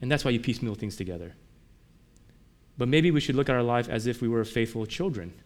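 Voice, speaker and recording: A male pastor delivering a sermon at a middle pitch. He talks to the congregation like a conversation, with frequent rhetorical questions. His delivery swings between emphatic pushes and softer, quieter passages. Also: fast.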